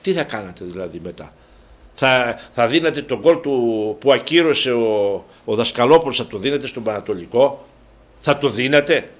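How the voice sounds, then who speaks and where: A man's voice: a little high, a bit bright. A man hosting a local sports show, ranting about football refereeing, indignant and sarcastic, swearing and restarting his sentences. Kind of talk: heated football commentary monologue.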